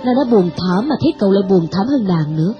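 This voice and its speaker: A woman narrating a novel in an expressive storytelling style. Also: medium pitch, quick pace, muffled recording, over music.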